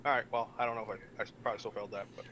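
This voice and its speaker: A man playing in a tabletop game, chatting quickly with self-deprecating banter. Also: fairly low pitch, fairly even intonation, fairly bright tone, a little hiss or hum. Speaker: player. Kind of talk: casual tabletop play.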